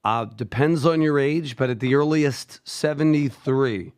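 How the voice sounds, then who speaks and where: A man's voice: mid-range voice, unhurried, a little mellow, clean tone. A man hosting a radio call-in show, explaining topics steadily and repeating the call-in phone numbers.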